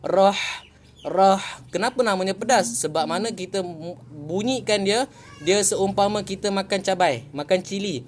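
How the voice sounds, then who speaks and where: A man with a Malaysian Malay accent teaching Quran reading in a casual online lesson, patient and repeating each point, slowing down to recite examples. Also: sits high, slight background noise.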